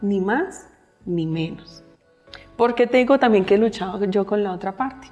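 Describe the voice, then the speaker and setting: A woman with a Colombian accent, a guest on a faith podcast, telling her story with lively acted-out quotes. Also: mid-range voice, normal speed, soft background music. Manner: animated storyteller, acts out quotes, laughs often. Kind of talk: casual faith-based podcast chat.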